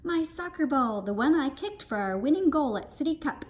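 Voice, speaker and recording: A woman voicing an excitable young male frog in a storybook reading, talking in eager exclamations. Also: high-pitched, normal speed, pitched above the performer's own voice. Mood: excited.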